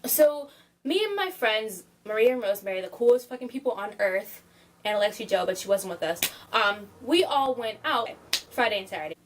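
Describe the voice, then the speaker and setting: A woman's voice: medium pitch, lively intonation, fairly quick, a little hiss or hum, poor audio. A young woman telling a storytime vlog in a blunt, profane, emphatic way, full of "like.". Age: young adult. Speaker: college student vlogger.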